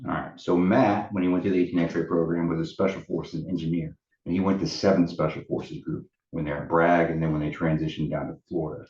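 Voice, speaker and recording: A man's voice: sits low, steady tone, brisk, a little mellow. A man co-hosting a podcast and introducing a guest, recorded with an echoey, distant sound from an audio fault. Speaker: podcast co-host. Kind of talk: casual podcast chat. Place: pub used as offsite studio. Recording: echoey, dull, distant mic.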